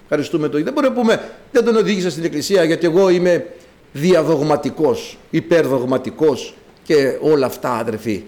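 A man's voice: fairly high pitch, expressive, a little mellow. A man preaching a fervent sermon, asking rhetorical questions and reciting scripture.

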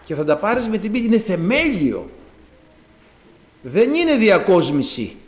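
A man preaching a sermon to his congregation and telling a personal testimony. He talks in an animated way, swinging from loud exclamations to quiet asides, and acts out sounds as he speaks. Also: high voice. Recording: echoey hall.

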